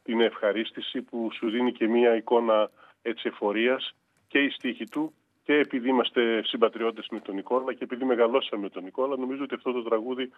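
A man, a winemaker guest in a radio interview, speaking reflectively and pausing with fillers. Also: mid-range voice, fairly even intonation, no echo. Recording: tinny phone line.

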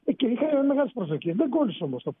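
A man, a sports reporter phoning in to a radio show, explaining in an animated way. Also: extremely high pitch, a crowd in the background. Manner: explanatory, animated, rising emphasis. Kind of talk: sports radio phone-in analysis. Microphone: phone. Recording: tinny phone line on radio.

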